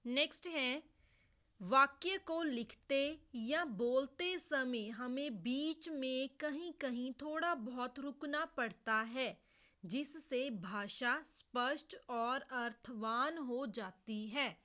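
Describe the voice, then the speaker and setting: A woman teacher explaining grammar to students, slow and repetitive, often checking whether they understood. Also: high-pitched, pushed and bright. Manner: slow, repetitive, asks pupils "clear?". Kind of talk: classroom grammar lesson.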